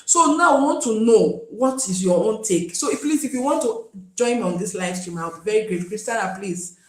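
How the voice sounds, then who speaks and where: A woman's voice: mid-range voice, expressive, a little fast, roomy sound, low-quality recording. A Nigerian woman hosting a live stream, chatting casually and pleading with viewers to join. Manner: pleading, chatty, switches into pidgin.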